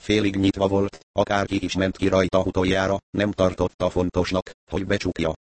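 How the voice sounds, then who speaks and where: A man reading a first-person mystery story aloud, in measured storytelling narration. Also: low voice, monotone, a little mellow, slight background noise. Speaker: audiobook narrator.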